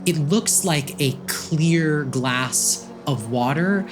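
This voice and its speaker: A man's voice: fairly high pitch, drawn-out words, music in the background. A man running a tabletop game, improvising vivid narration as game master.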